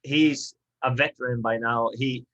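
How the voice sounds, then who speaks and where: A man hosting a casual video call interview, his voice coming through dull and lo-fi. He talks in a quick, chatty way at an ordinary pitch. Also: fairly even intonation, a bit bright. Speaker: interviewer and golfer. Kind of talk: casual conversation.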